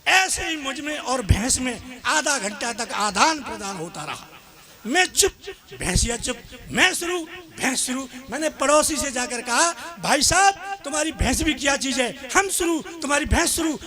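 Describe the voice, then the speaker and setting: A man's voice: extremely high pitch, expressive, normal speed. A man reciting comic poems on stage, in a rhythmic sing-song manner, recorded live with crowd noise. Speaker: comic poet. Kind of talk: stage comedy poem recital.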